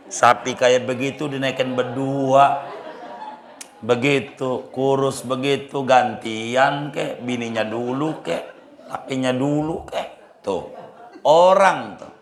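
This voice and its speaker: A man's voice: medium pitch, slow, vocal fry. A man preaching a sermon, telling a funny story and repeating phrases and rhetorical questions to the congregation. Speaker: Islamic preacher. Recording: roomy echo of a hall.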